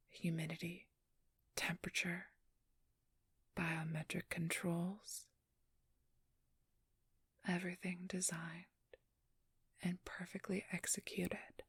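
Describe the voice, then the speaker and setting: In an ASMR roleplay, a woman plays a cunning supernatural female thief in full character voice, using a very breathy, hushed whisper that is unhurried, very level and fairly low. Her words are chosen with formal, coolly condescending precision. The recording is dry.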